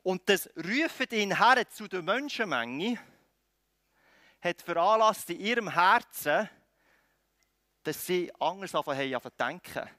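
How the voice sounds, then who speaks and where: High bright Swiss German preacher. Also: male voice, a little slow, pauses often, no echo. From Switzerland. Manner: animated preaching that swings between loud calls and quiet intimate lines. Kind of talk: sermon.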